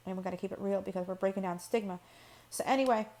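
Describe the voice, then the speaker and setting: A woman's voice: medium pitch, steady tone, quick pace, darkish tone. A woman hosting her own channel, talking casually and personally to camera, rambling with fillers and restarts. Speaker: channel host. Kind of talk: personal vlog talk to camera.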